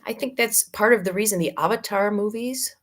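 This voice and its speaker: A middle-aged woman with a Midwestern American accent, giving a spiritual teaching talk as a yoga teacher in a gentle, unhurried way that draws out key words. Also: mid-range voice.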